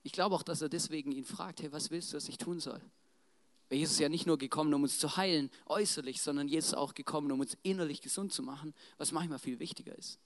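A preacher telling a Bible story in a casual, slangy, animated way, often checking in with the congregation. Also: mid-range voice, quick pace, hardly any pauses. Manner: slangy, animated, keeps asking "right?". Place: church in front of a congregation. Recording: long church reverb.

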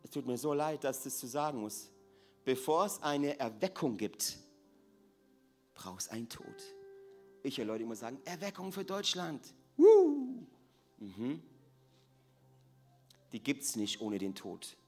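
A man preaching a sermon, his voice swinging from soft, hushed lines to loud, pleading climaxes. He repeats phrases for emphasis and speaks straight to the congregation. Faint music plays behind him. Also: medium pitch, measured pace, long pauses.

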